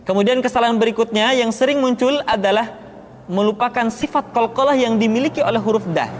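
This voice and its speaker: A woman teaching how to pronounce Arabic letters for Quran recitation. She explains each letter deliberately, then drills it in repeated syllables. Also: on the high side, in a large hall. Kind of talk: slow instructional explanation with pronunciation drills.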